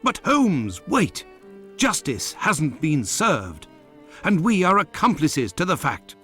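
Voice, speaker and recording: A principled British doctor, the loyal companion in a detective adventure game. His fairly high male voice swings expressively, earnest and proper, with every moral point emphatically made. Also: wildly swooping pitch, slow, pushed and bright, faint music behind, full character voice. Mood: indignant, appalled. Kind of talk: dramatic video game acting.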